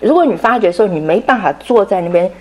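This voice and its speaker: A middle-aged woman teaching a Sunday school class in an unhurried way. She repeats her key phrases, drops in English words and ends her phrases with soft tag particles. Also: medium pitch, animated.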